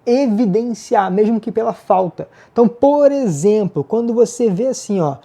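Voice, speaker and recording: A man with a Brazilian Portuguese accent teaches essay writing online in a casual way, his voice sitting high, animated, creaky and mellow. Brisk and ready to mock himself, he speaks straight to his students.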